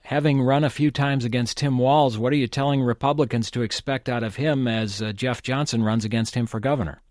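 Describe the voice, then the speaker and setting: Public radio host, male. Polite, measured interview questioning, medium pitch, very little room sound. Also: steady tone, darkish tone, dry recording, clean studio sound.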